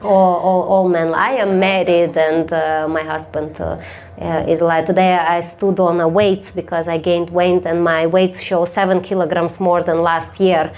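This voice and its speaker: Eine Komikerin, die auf einer Live-Bühne stumpf und neckend mit dem Publikum spricht und oft lacht. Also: female voice, lowish voice, level tone, a little slow, a little mellow. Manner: blunt, teasing, laughs often. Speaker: stand-up comedian. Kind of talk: stand-up crowd work. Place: live comedy stage.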